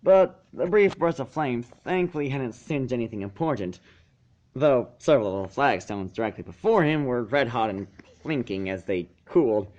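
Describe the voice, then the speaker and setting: Narrating fan fiction as an amateur channel host, he has a medium-pitched, expressive, slightly mellow voice at a moderate pace. The audio is dull, and he trips over words now and then, correcting himself between casual asides.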